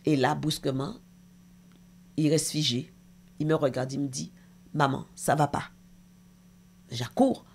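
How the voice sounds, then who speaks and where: A woman's voice: low-pitched, steady tone, unhurried, pauses often. A middle-aged woman, a talk show guest and association president, giving an intense, emotional personal testimony with hesitations.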